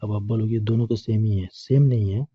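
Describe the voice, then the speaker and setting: A man with a fairly low, steady, slightly breathy voice teaches English grammar briskly, explaining it step by step. He repeats questions to the class and then answers them himself, in a dull recording with no room sound.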